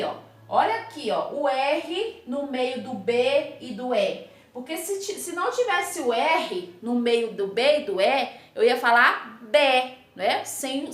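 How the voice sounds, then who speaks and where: A Brazilian woman teaching a phonics lesson in a high, bright voice. She talks slowly and patiently, drawing out sounds and checking in with little tag questions. The recording has a noticeable echo from the room. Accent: Brazilian Portuguese. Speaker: primary school teacher.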